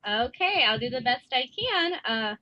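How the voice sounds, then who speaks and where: A woman's voice: a little high, very animated, muffled recording, a crowd in the background. A woman chatting casually as co-host, laughing easily. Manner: giggly, quick to laugh. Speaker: author and co-host. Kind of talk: casual chat.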